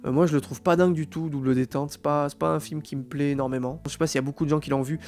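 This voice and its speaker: A man's voice: on the high side, fairly even intonation, very fast, darkish tone. A man hosting a live stream, chatting casually about films and addressing his viewers with many fillers. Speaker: streamer host.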